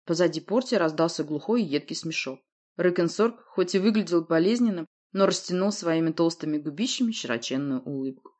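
A woman narrating a fantasy audiobook in the first person with expressive storytelling. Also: lowish voice, brisk.

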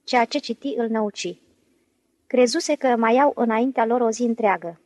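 Female audiobook narrator, higher register, dry close-miked read, lively storytelling. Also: no echo, rough recording. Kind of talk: scripted narration of a novel.

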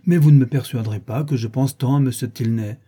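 Brief: a man playing a wide-eyed teenage girl in a storybook, soft-spoken, dark husky tone. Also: mid-range voice, brisk, lightly acted. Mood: earnest. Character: naive, earnest seventeen-year-old girl. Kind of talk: audiobook reading.

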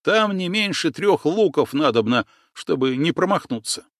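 A man's voice: on the high side, lively intonation, normal speed, a bit bright, no room sound, studio quality, pitched above the performer's own voice. Hotheaded young cossack, read by a man. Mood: indignant. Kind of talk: audiobook character voice.

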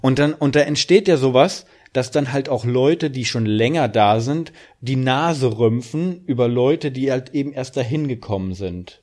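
A man's voice: mid-range voice, normal speed, hardly any pauses, darkish tone. A man co-hosting a casual podcast chat, rambling and sarcastic, often tagging his points with a questioning aside. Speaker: podcast co-host.

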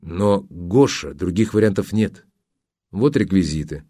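A man's voice: deep voice, expressive, measured pace, dark tone, dry recording, clean studio sound. A man playing a blunt, pressing journalist. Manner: pressing, contemptuous and firm. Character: determined young male journalist, blunt and accusing. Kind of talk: audiobook character voice.

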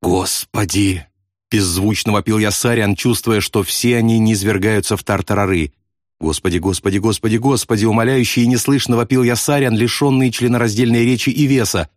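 A man narrating a novel in a steady, vivid literary reading. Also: on the low side, fairly quick, dry recording, clean studio sound. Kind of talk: audiobook narration.

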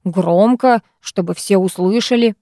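A woman voicing a cheeky teenage schoolboy who declaims loudly and theatrically, playing the class clown. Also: medium pitch, unhurried, dry recording, studio quality, natural voice.

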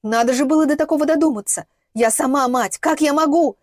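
A woman's voice: expressive, a little slow, husky, no room sound, studio quality. Woman voicing a shrieking, scornful mother. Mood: furious. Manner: shrill, scornful shouting.

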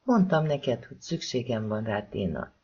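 Narrator doing a sincere, pleading man, husky, mellow, novel dialogue. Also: mid-range voice, big pitch swings. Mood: earnest. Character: earnest, tender grown man in love. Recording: slightly dull lo-fi recording.

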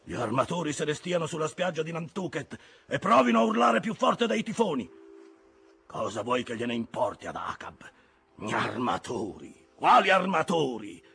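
A man voicing an imperious, obsessed old whaling captain in a theatrical audiobook dramatisation, given to bellowed commands and menacing hushed asides. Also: on the low side, measured pace, creaky, husky, voice pushed up, full character voice. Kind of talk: dramatised audiobook reading of a classic sea novel.

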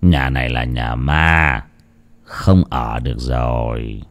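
A man's voice: extremely low pitch, fairly even intonation, slow pace, voice pushed down, exaggerated voice. A man voicing a weary, frightened aging husband who sighs and speaks dejectedly. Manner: sighing, dejected.

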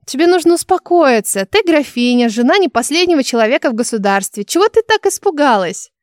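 A woman doing a cheerful young noblewoman in an audiobook, pitched high and bright. She teases and presses with a theatrical, insistent flair. The recording is close and dry. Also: big pitch swings, fairly quick, dry recording. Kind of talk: audiobook character voice.

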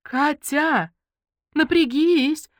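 A woman voicing an excitable, anxious young woman friend in an audiobook, talking in a shrill, chattering way. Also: drawn-out words, no echo, studio quality. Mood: urgent.

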